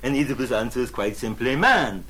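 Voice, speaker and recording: A man's voice: mid-range voice, lively intonation, moderate pace, fairly bright tone. A man telling a story as a wry, theatrical mock-professor in a comic lecture to a live audience. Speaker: comedian narrator and lecturer. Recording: noisy live stage recording.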